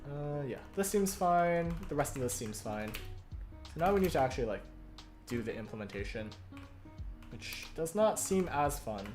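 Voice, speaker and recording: Young adult live-coder, hoarse today, rambling and self-correcting, mid-pitched voice, light music underneath. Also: sing-song, normal speed, a little mellow. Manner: thinks aloud, self-correcting, many fillers. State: hoarse, croaky. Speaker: streamer studying compilers. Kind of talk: casual live-coding narration.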